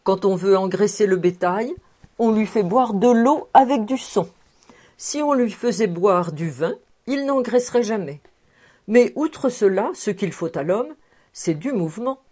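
A woman's voice: medium pitch, lively intonation, measured pace, warm tone. A woman reading the part of a jovial, talkative man in a storybook, expanding on his point at length. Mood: explaining. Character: jovial, talkative middle-aged man at table.

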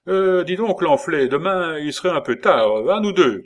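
A man voicing a swaggering convict innkeeper who talks like a salty old sailor, loud and boastful. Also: fairly high pitch, expressive, normal speed, voice pushed up, lightly acted. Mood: gruff boasting.

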